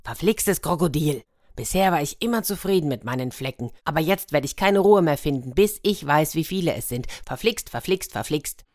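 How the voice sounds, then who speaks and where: Brief: woman doing an excitable storybook leopard, low voice, exclamatory. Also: moderate pace, no room sound, studio quality. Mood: vexed. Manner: exclaiming, fretful then overjoyed. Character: vain fretful male leopard obsessed with his spots.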